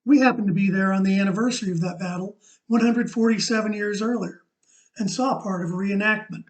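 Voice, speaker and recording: A man's voice: high-pitched, fairly quick, recorded from a distance, poor audio. Earnest man reading a reflective essay. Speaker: commentator.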